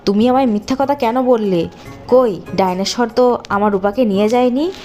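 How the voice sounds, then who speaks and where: A woman voicing a doting, hot-tempered village father in a cartoon, talking in a loud, emotional way. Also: a little high, moderate pace, faint music behind, close to an everyday voice. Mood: angry. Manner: shouting, emotional. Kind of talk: cartoon voice acting.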